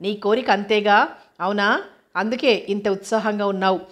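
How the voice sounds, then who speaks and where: A woman narrator voicing a withdrawn, sharp-tongued young woman with curt, bitter retorts. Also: medium pitch, steady tone, normal speed, natural voice. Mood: cold.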